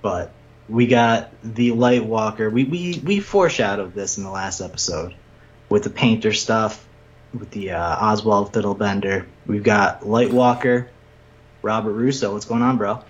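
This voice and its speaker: A man's voice: fairly low pitch, measured pace, slightly rough. A man hosting a podcast in casual banter, slangy and teasing, calling people bro. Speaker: podcast host. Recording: dull lo-fi podcast audio.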